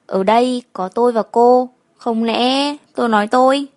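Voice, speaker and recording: A woman's voice: on the high side, moderate pace, darkish tone, close to an everyday voice. A woman voicing a cocky young rich man in his early twenties who talks in a mocking, curt way.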